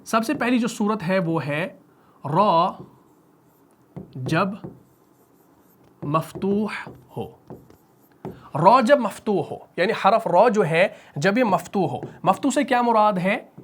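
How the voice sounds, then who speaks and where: A man's voice: high voice, animated, a little hiss or hum. Patient male Quran tajweed teacher. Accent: Pakistani Urdu. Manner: patient, asks the class questions and answers them himself; drawls out the example words slowly. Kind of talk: spoken tajweed lesson at a whiteboard.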